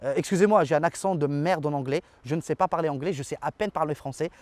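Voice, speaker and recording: A chatty man with a slightly high voice, loosely reading through viewer comments. His talk is informal, full of fillers and slang. The sound is dry and close, with almost no room echo. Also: quick pace. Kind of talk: casual chat.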